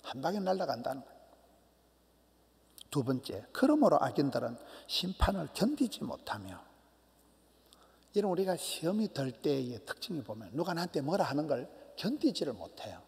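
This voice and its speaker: Gravelly, animated preacher in a hall. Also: male voice, a little high, brisk. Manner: emphatic, swings between loud cries and hushed near-whispers. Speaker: pastor. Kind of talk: sermon. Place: church sanctuary. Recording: long church hall reverb.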